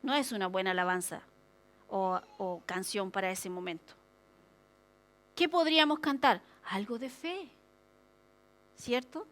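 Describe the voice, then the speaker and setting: A woman pastor preaching a lively sermon, acting out prayers and complaints with humorous asides. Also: fairly high pitch.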